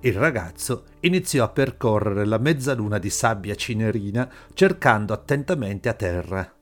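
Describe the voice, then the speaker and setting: A man narrates a story in a steady, measured way, his voice sitting on the low side. A soft bed of music is just audible beneath the reading. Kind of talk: audiobook narration. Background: faint background music.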